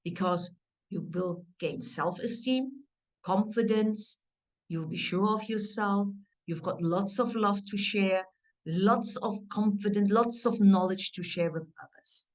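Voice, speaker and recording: A woman's voice: mid-range voice, a little slow, poor audio. Middle-aged woman coaching on a video call. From Turkey, grew up in Germany. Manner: warm, encouraging, interactive with audience. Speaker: career and family coach. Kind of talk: online workshop presentation.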